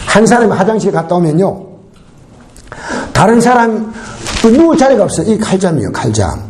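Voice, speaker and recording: A male pastor preaching a Sunday sermon in a church. He calls out to the congregation, asks them to repeat after him, and swings between emphatic lines and quiet asides. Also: high voice, fairly quick, slight background noise. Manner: animated, call-and-response with the congregation. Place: church sanctuary.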